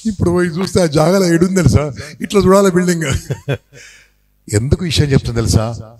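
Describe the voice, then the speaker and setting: Middle-aged motivational speaker, a man, high voice, animated storytelling that keeps asking the crowd questions. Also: quick pace. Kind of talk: motivational speech to a live audience.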